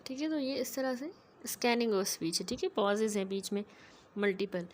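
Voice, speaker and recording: A woman giving a methodical, explanatory medical lecture, often pausing to check in with her students. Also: medium pitch, expressive. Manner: methodical, keeps checking in with "ठीक है".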